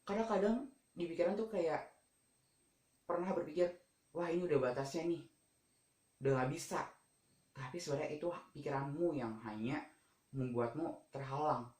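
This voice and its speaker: A teenage student runs a school vlog, speaking informally yet forcefully and often questioning the listener directly. Recorded in an echoey room, the mid-range voice is slightly mellow, keeps a normal pace, and pauses often.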